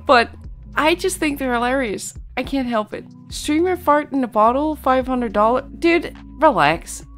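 A tired, giggly woman streams and chats casually with her viewers, her pitch bouncing around as she reacts to chat. She speaks slowly and breaks into laughter often. Soft music plays behind her. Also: expressive. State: yawning, tired.

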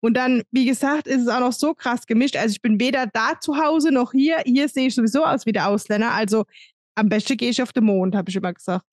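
A woman's voice: on the high side, fast, a little mellow, no room sound. A woman in her thirties co-hosting a podcast, talking frankly and emphatically in casual chat from a home room on a studio mic. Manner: frank, emphatic, plain-spoken. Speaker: podcast co-host. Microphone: studio mic on arm, video call.

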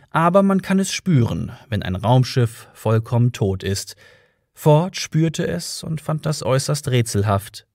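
A man's voice: mid-range voice, darkish tone, no room sound. Dry-voiced male audiobook narrator. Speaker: audiobook reader.

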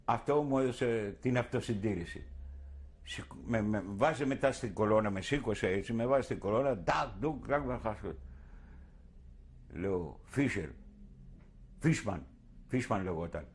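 A man's voice: fairly low pitch, lively intonation, long pauses, husky. An older man in an oral history interview, recounting his past vividly and acting out his own words.

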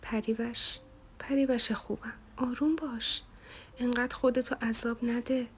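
A woman voicing a tender, motherly aunt who speaks gently and reassuringly. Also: fairly high pitch, little pitch movement, a little hiss or hum, natural voice. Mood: soothing.

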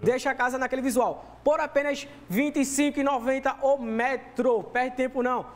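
A young man with a Recife Northeastern Brazilian accent gives a live television sales pitch as a store promoter. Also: fairly even intonation, moderate pace. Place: TV studio.

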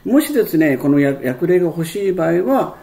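A man's voice: on the high side, sing-song, a little fast, gravelly, mellow. A man explaining an English textbook lesson in a rambling way, with many fillers and restarts. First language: Japanese. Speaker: English teacher.

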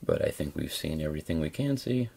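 Very deep, gravelly-voiced man reviewing casually. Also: big pitch swings, quick pace, dark tone. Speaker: product reviewer. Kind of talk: casual hands-on video review.

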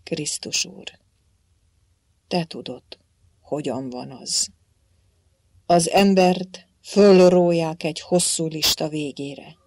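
A woman reading as a defiant, blustering old Hungarian warrior-king saint, speaking loudly in archaic phrases. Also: low voice, pauses often, no echo, clean studio sound. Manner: loud, blustering, archaic speech.

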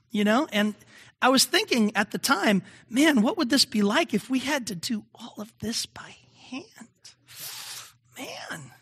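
A man's voice: very high voice, sharp tone. A male pastor giving a conversational sermon, often asking the congregation questions.

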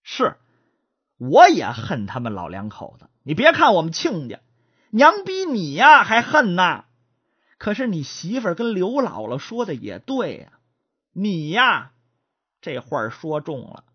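A woman playing an insistent older mother, husky and scolding, her pitch rising and falling widely. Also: wildly swooping pitch, a little slow, muffled recording, heavily acted.

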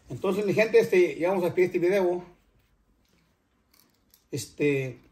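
Chatty older man, high voice. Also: dark tone. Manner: chatty, rambling, stops and restarts his words often. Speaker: cooking channel host. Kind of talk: casual chat to viewers. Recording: roomy, echoey room.

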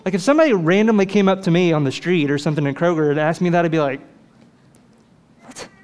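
Brief: male pastor, a bit high-voiced, chatty sermon delivery with lots of questions. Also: racing, clear, resonant tone. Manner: lively, conversational preaching with rhetorical questions.

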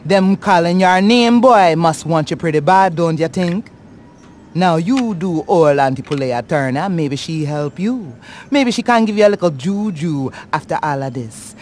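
An actress playing an older, coaxing and menacing voodoo auntie with a crooning, drawn-out delivery in a video game. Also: female voice, fairly low pitch, animated, a little mellow, a little hiss or hum. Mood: coaxing, teasing. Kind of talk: video game cutscene acting.

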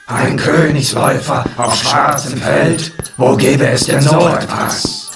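A man's voice: a little high, takes it slowly. A man voicing two stiff, dull-witted chess towers who speak as one and bark accusations. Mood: accusing. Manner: gruff barked accusations. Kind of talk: audiobook character voice. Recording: noisy, with music behind.

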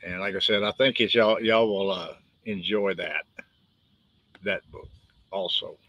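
A man's voice: deep voice, a little slow, bright, forceful tone, dry recording, dull audio. An older man with a West Texas twang, an author chatting casually and rambling in a folksy way on a live stream. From West Texas, United States. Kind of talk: casual live-stream chat about own books.

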